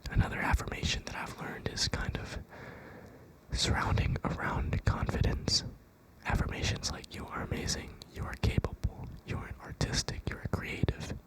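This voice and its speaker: A young adult whispering a gentle, reassuring pep talk of ASMR affirmations in an unhurried way. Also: rough recording. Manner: whispering throughout. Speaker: ASMR creator.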